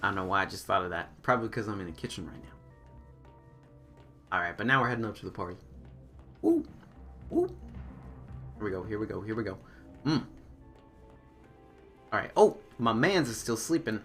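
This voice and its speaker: Animated man live-streaming a video game. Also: fairly low pitch, moderate pace, pauses often, soft background music. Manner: animated, slangy, talks to himself and game characters. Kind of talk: casual live gameplay commentary, chatting with viewers.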